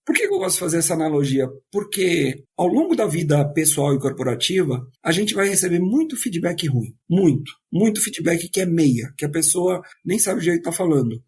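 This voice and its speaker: A middle-aged Brazilian man speaking as a podcast guest, explaining in a casual, animated way. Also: on the high side, slight background noise. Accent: Brazilian Portuguese. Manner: animated storyteller who acts out quoted speech.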